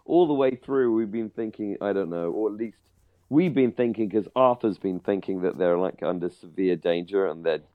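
Co-hosting a podcast, a middle-aged man from England with an English accent talks informally about a radio drama at a moderate pace, his voice on the lower side. He frequently searches for the right words; the sound is narrow and tinny, though free of echo.

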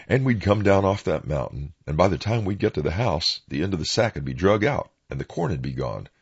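A man with an Appalachian accent and a gravelly, raspy voice, telling folksy first-person oral-history stories in plain-spoken rural dialect. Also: sits low, dull audio.

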